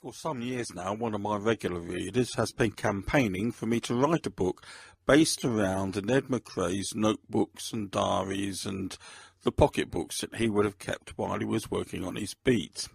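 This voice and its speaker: Talking thoughtfully about the books he has written, this male author and host has a husky, gravelly voice that sits on the low side. His pace is measured and deliberate, and the recording is dry.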